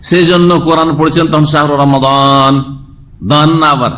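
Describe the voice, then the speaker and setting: A man's voice: on the high side, fairly even intonation, moderate pace, a bit bright, slight background noise. A man preaching a sermon lecture, explaining step by step and asking his listeners rhetorical questions. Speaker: Islamic preacher.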